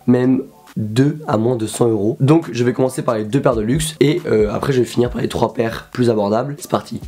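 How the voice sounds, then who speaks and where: A man's voice: mid-range voice, warm tone. A young man from France, sick at the moment, chatting casually and rambling with slang and fillers as he reviews sneakers for his channel. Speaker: YouTuber.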